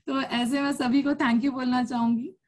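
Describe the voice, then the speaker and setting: A woman in her thirties from India shares her own story before a seated audience at a support circle. Her voice sits somewhat high, and she tells it candidly and chattily, with laughs breaking in often. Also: flat delivery, measured pace. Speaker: cancer survivor sharing her story. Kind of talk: personal testimony at a support circle.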